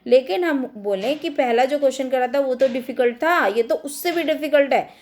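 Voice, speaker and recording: A woman with a high, light voice explains grammar to schoolchildren. She spells words out letter by letter and keeps checking in with short rhetorical questions. Her delivery is patient and drilling, the way a classroom lesson runs. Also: normal speed. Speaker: teacher.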